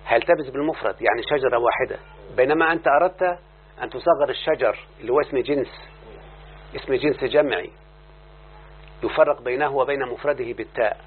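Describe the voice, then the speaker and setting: A man with an Egyptian Arabic accent teaches a class at a medium pitch, a little fast but with long pauses, repeatedly quizzing listeners for answers. The audio is thin and phone-like, with a faint underlying hum.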